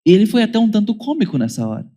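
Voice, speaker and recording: Man, brazilian portuguese accent, pastor preaching, wry humor, slightly high voice. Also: sing-song, rapid-fire, mellow. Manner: wry humor, mimics children's whining voices. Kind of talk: sermon.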